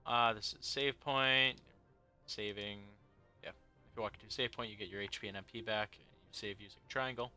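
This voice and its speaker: Young man, gaming commentary, very bright tense tone, game music underneath. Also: lowish voice, steady tone, normal speed, clear, resonant tone. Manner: rambling and joking, with many fillers. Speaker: let's play host. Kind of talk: casual gameplay commentary.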